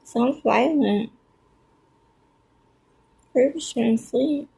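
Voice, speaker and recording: A woman's voice: fairly high pitch, drawn-out words, gravelly, dark tone, slightly rough. A woman talking to her pet birds in a cooing, sing-song baby-talk voice, as their owner.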